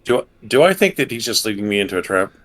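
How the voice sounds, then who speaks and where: Man, game player, casual joking chat, lively intonation, music in background. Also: on the low side, fast.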